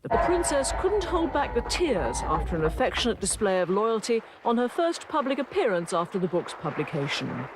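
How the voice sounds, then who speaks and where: Female news reporter, lively pitch, scripted read, faint background hum. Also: normal speed, few pauses.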